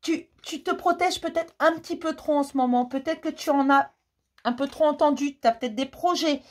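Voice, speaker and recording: A woman's voice: high voice, moderate pace. A woman giving a casual tarot reading for the star signs. She chats fondly, laughs often and calls her viewers her darlings. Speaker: tarot reader. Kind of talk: casual horoscope card reading.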